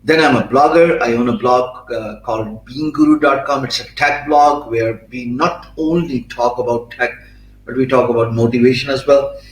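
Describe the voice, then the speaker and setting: The low-quality recording is reverberant, with a little hiss or hum, and features a medium-pitched voice with fairly even intonation. The speaker, a middle-aged man from Pakistan who learned English after Urdu, answers interview questions fluently in a Pakistani accent but with many fillers, frequent restarts, and emphatic pauses.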